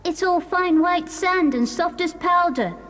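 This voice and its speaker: A woman playing Dick, an adventurous, eager schoolboy who is quick to exclaim in a 1980s audio drama. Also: extremely high pitch, a bit bright. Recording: hissy old cassette tape.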